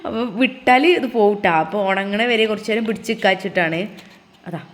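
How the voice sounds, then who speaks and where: A woman's voice: medium pitch, fast talker. Chatty Malayali mother vlogging crafts. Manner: chatty, explains step by step to viewers. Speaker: family vlogger. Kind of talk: casual crafts vlog chat.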